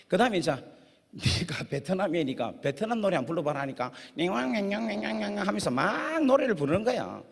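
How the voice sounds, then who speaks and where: A man's voice: on the high side, slightly rough. A middle-aged male pastor, telling a story in a sermon and acting out the lines of the people in it. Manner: lively storyteller who acts out dialogue and sings snatches. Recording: long hall reverb.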